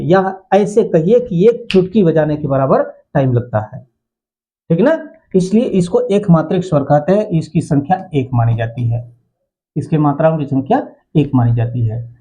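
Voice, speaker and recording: A male teacher lectures at a deliberately slow pace, repeating key phrases and putting questions to the class. His voice sits fairly high, though its tone is mellow and dark. The recording sounds dull and lo-fi. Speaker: Hindi grammar teacher.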